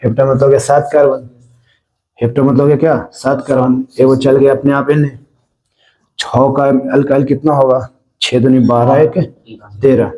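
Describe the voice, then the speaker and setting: Mellow-voiced Indian man teaching chemistry. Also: mid-range voice, little pitch movement, moderate pace, poor audio. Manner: explains step by step, often checking "है ना?". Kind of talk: classroom-style lecture.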